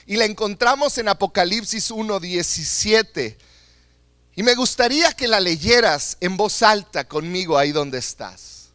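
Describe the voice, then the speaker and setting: Bright-voiced pastor preaching slowly. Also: male voice, high-pitched, expressive, no room sound, clean studio sound. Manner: earnest, emphatic, repeats phrases for stress. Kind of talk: sermon.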